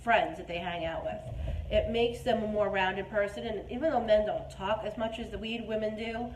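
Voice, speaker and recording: Hosting a dating advice show, this woman in her forties talks in a casual, emphatic, live-chat style. Her mid-range voice keeps a steady tone at a normal speed. She's in an echoey room where background noise is clearly audible.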